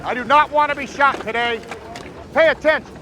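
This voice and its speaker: An actor playing a sarcastic, commanding army drill sergeant in a war film. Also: male voice, very high-pitched, a little fast, sharp tone, a little hiss or hum. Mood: barking. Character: barking, sarcastic male army drill sergeant addressing recruits. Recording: film audio with music behind.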